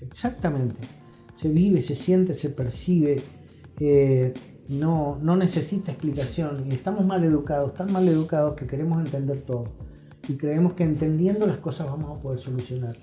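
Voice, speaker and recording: An older man with an Argentine accent speaks as a guest therapist in a reflective interview, his mellow, soft-edged voice sitting a little high. At a moderate pace he explains things didactically and emphatically, repeating phrases. The room has a roomy echo with faint music beneath.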